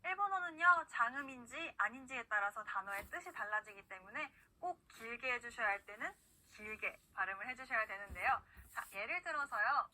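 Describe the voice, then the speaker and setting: Bright high-voiced woman teaching pronunciation. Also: animated, low-quality recording. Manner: patient, repeats words slowly for the learner to copy. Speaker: language teacher. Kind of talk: scripted online pronunciation lesson.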